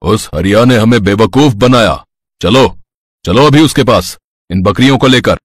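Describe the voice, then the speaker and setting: A man's voice: on the low side, normal speed, slight background noise, natural voice. A man voicing a cruel, domineering village strongman who barks orders and threatens in a cartoon story. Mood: menacing. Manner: bossy, threatening, barking orders. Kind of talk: cartoon voice acting.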